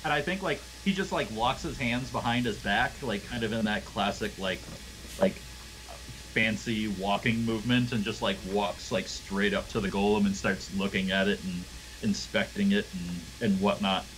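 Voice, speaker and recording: A man's voice: on the low side, moderate pace, a bit bright, slight background noise, poor audio. A young man narrating as game master, rambling and full of fillers.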